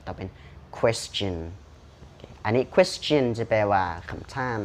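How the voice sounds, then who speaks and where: A man with a Lao accent teaching English pronunciation, repeating each word slowly and clearly. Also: mid-range voice, sing-song. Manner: switches to slow deliberate English at the sign-off. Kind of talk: pronunciation lesson.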